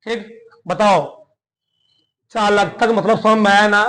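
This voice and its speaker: A man's voice: sits high, steady tone, a little slow, fairly bright tone, poor audio. A male chemistry teacher gives a classroom lecture. He keeps putting questions to his students and repeating the key words.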